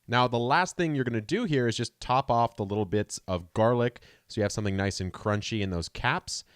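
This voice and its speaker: A man hosting a gardening channel, casually talking through a recipe in a relaxed, conversational voice-over. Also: medium pitch, a little fast, clean tone, no room sound, clean studio sound.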